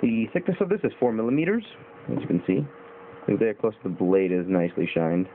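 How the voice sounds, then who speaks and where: A young man talks through a knife review in a loose, informal way, filling pauses with ums and uhs. His voice sits a little low. The audio is thin and phone-like, with a faint hiss underneath. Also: big pitch swings. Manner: rambling, informal, with fillers and mild swearing. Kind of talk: casual video review.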